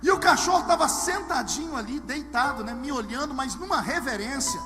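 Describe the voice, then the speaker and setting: A man preaching a sermon to a live congregation, telling humorous stories and swinging from hushed asides to shouted lines. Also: very high-pitched, animated, a little fast. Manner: humorous storytelling. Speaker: pastor. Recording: long hall reverb with music underneath.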